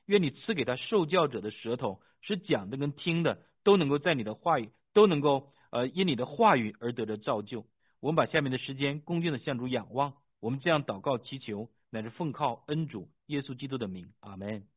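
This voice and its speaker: A man pastor reading scripture, praying and preaching with fervent emphasis, pausing with fillers as he talks. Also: medium pitch, animated. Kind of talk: sermon with scripture reading and prayer. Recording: tinny phone-like sound.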